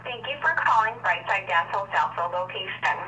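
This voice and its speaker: Bright woman's voicemail greeting over phone. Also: mid-range voice, lively intonation. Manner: formal, measured, reads out options and hours. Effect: heard over a phone line. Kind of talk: scripted answering-machine message. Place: office answering system. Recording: distant phone audio with faint hiss.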